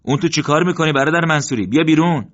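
A man's voice: fairly high pitch, steady tone, a bit bright, dull audio, pitched above the performer's own voice, lightly acted. A man voicing a wounded wartime commander who is wry and stubborn, speaking in a raised, emphatic voice. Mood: urgent.

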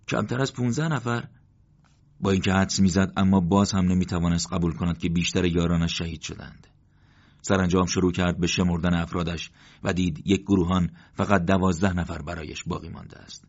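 Man narrating an audiobook, very deep voice, steady and solemn, muffled lo-fi recording.

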